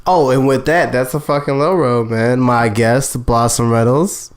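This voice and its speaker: A man's voice: mid-range voice, steady tone, unhurried, clean tone. A man hosting an interview show, talking in a laid-back, easygoing way with lots of "you know". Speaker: podcast host. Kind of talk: casual chat.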